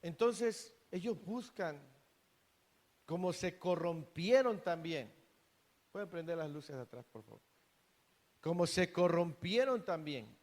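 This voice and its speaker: A man's voice: a little high, expressive, slow, pauses often, a little mellow. A man preaching a sermon in a church hall, earnest, often repeating and restarting words. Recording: long reverb of a hall.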